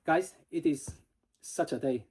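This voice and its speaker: A man with a somewhat high but mellow, warm voice that is wearing thin and starting to go. He talks straight to his viewers in a casual way, calling them "guys" as he walks through market commentary. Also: measured pace, slightly rough, low-quality recording. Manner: direct, addresses viewers as "guys". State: losing his voice. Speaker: investing channel host.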